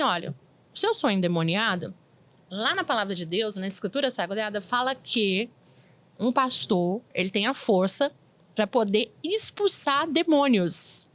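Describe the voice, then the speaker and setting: A woman in her forties, a medium from Brazil, telling her life story in a casual interview and acting out the voices she quotes. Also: medium pitch. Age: 40s. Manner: animated storyteller who acts out quoted voices.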